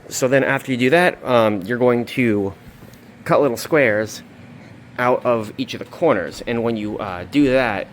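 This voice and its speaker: In a basement room, a man hosts a casual craft tutorial vlog, rambling informally with loose asides. His voice is medium-pitched and a little slow, with slight background noise.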